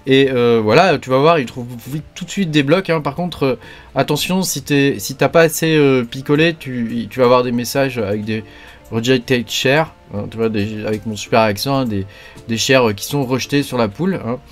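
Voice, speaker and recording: Hosting a joking video on crypto mining, this YouTuber speaks briskly at a medium pitch with soft music behind him. His delivery is loose and rambling, packed with constant fillers, verbal tics and small restarts.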